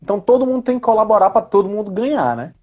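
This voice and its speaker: Here the man's high voice is sing-song and very fast, with a lo-fi sound. He's an educator guesting on a live chat, speaks with a Northeastern Brazilian accent from Ceará, and keeps his explanations casual, regularly checking in through tag questions.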